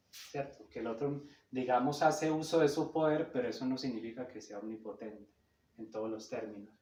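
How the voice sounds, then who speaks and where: A man's voice: medium pitch, darkish tone. Didactic man, roomy and distant. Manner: didactic, emphatic, checks in with "cierto?". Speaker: psychoanalysis lecturer. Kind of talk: explanatory talk on psychoanalysis. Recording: roomy echo, a bit far from the mic.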